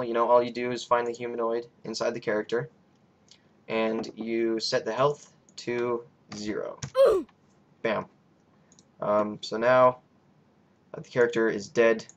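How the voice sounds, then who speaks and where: A young man with a raspy voice hosting a casual coding tutorial, rambling and hesitant with many fillers. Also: mid-range voice, highs cut off. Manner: rambling, hesitant, lots of ums. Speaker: scripting tutorial host.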